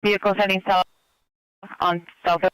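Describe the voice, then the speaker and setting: A man's voice: high voice, flat delivery, moderate pace, a bit bright, smooth, no echo, rough recording. A man working as a police radio dispatcher, giving clipped procedural call-outs over the radio. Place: police scanner radio feed.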